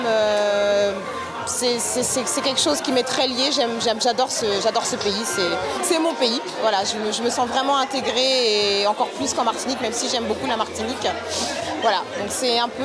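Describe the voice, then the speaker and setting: A woman in her thirties from France, a painter calmly presenting her own work in a casual, reflective way. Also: on the high side. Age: 30s. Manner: reflective, searching for words.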